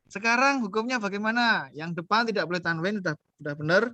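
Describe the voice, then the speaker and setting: A man's voice: high voice, fast, bright, forceful tone, dry recording. A man teaching a beginner Arabic class online, patient and coaxing, quizzing his students as he goes.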